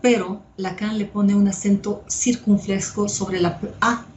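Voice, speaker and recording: A woman psychoanalyst giving a measured, step-by-step lecture with occasional fillers. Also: mid-range voice, steady tone, darkish tone, lo-fi sound, a little hiss or hum. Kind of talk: slow didactic lecture. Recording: echoey room.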